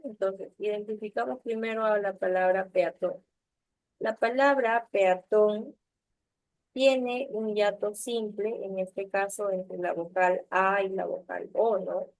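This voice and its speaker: Slow, patient woman teacher on a video call. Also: medium pitch, no room sound, low-quality recording. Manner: patient, checks understanding with frequent tag questions. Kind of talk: online class lesson. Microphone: computer mic on a video call.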